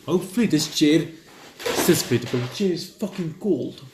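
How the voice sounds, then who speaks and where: His voice is fairly high and animated at a normal speed, captured in a reverberant space with a noisy background. The man hosts a gaming channel, reading out a visual novel's text and chatting in between, casual and stumbling, with the odd careless swear.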